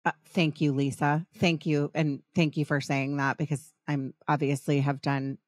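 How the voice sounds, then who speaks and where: A woman's voice: low-pitched, flat delivery, moderate pace, dry recording, clean studio sound. A middle-aged woman hosting a podcast in casual chat, rambling and passionate, often restarting her sentences. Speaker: podcast host.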